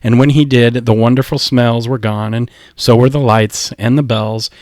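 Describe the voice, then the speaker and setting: In a close, dry recording without room sound, a man narrates an audiobook, delivering scripted storytelling with expression. His voice is mid-range and his speed normal.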